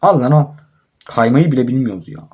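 A man's voice: mid-range voice, sing-song, brisk, a little mellow. A young man commentating his own mobile football match, frustrated and swearing at his players. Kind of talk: live gameplay commentary.

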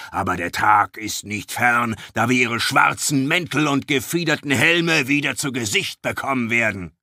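Guy reading a blustery dwarf, loud and defiant, bright tone, dry audiobook sound. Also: mid-range voice, no room sound, pitched above the performer's own voice. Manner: loud, defiant, rousing speech. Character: gruff male dwarf, blustering and warlike.

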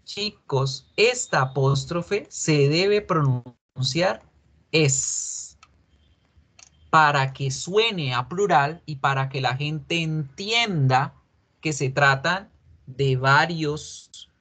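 Slow, patient male teacher. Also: on the high side, a bit bright. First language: Spanish. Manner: patient, repeats and asks students questions. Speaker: English teacher. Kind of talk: online class explanation.

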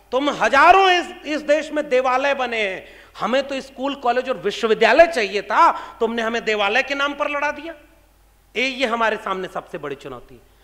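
Very high-voiced man giving a fiery speech. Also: bright, forceful tone. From India. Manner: fiery, rhetorical, full of pointed questions. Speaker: speaker at a public meeting. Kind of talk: impassioned political speech. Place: large hall before an audience. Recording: reverberant hall sound.

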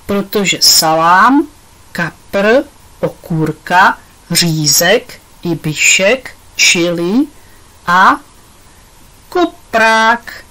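A woman's voice: mid-range voice, a bit bright, natural voice, low-quality recording. A woman reading aloud, voicing a quirky, bold schoolgirl with cheeky retorts in a storybook.

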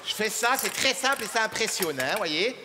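Deadpan Swiss comedian on a big stage. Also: male voice, high-pitched, a little fast. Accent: Swiss French. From Switzerland. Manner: deadpan, hesitant, many fillers. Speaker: stand-up comedian. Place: large theater stage. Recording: live hall with reverb and noise.

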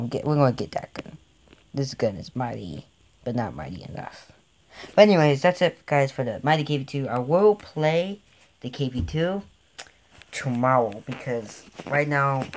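Young guy rambling thru his tank game, gets hyped fast, jokey, home mic. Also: mid-range voice, creaky, slight background noise. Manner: rambling, easily excited, jokey. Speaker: gaming channel host. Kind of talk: excitable gameplay commentary.

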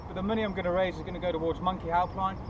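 A man's voice: high voice, level tone, rapid-fire, muffled recording. A man in his thirties chatting upbeat to camera outdoors on a seaside promenade, with plenty of "uh" fillers. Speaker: charity fundraiser. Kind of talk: casual vlog to camera. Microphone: action camera on a stand and handheld on a bike ride. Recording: distant camera mic, outdoor noise.

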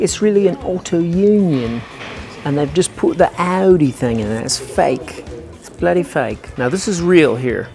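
A man's voice: fairly high pitch, creaky, dark tone. A man in his thirties, a travel vlogger, talking casually to a camera held at arm's length, joking and teasing as he goes. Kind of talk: casual vlog narration. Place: inside a car and outdoors in a city. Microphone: camera mic at arm's length.

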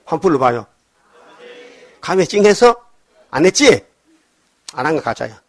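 Brief: older male pastor, slightly high voice, scolding sermon full of rhetorical questions. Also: big pitch swings, normal speed.

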